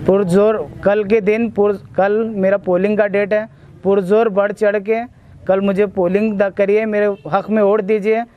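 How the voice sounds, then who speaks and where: A man's voice: sits high, darkish tone. A man running for a local ward seat, making earnest, repetitive appeals for votes in an interview. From India. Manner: earnest, repetitive appeals in formal Urdu-laced speech. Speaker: ward election candidate. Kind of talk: campaign interview and vote appeal.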